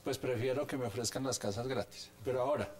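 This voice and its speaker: A man's voice: medium pitch, fast, a little hiss or hum. A man, a commentator in a televised debate who lays out his points in order. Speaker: political commentator.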